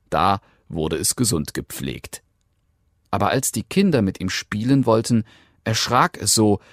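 Male storyteller, fairy tale read aloud, low-pitched, dry close sound. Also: no room sound. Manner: expressive, swinging between hushed and lifted tones.

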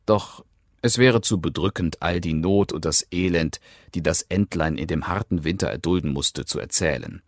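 A man reading a fairy tale aloud, expressive, dropping to hushed tones and lifting again. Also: low voice, moderate pace. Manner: expressive, swinging between hushed and lifted tones. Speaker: storyteller.

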